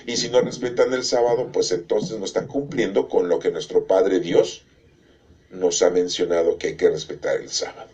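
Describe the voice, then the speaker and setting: A middle-aged man gives a catechism explanation, teaching religious doctrine emphatically while posing rhetorical questions and checking in with listeners. His voice is low, steady and a little mellow at normal speed, and the audio is dull.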